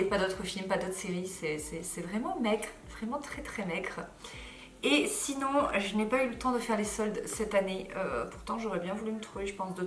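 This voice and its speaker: Chatty tired woman in a roomy room. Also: lowish voice. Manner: chatty, many fillers, animated asides. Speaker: lifestyle vlogger. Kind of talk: casual chat to camera. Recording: roomy echo, mic a bit far.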